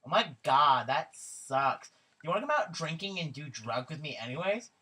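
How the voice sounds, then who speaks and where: A breezy young party girl from a goofy sock puppet comedy, put on by a woman. She talks in lazy slang as the bad-influence friend, with a lowered, husky voice. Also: lively intonation, moderate pace, pushed and bright, far from the mic, heavily acted. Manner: slangy, filler "like".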